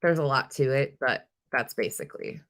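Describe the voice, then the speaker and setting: This livestream host has a very deep voice with a bit of brightness and speaks at a moderate pace. Her talk is casual live chat, informally hopping from reply to reply as she answers viewer comments.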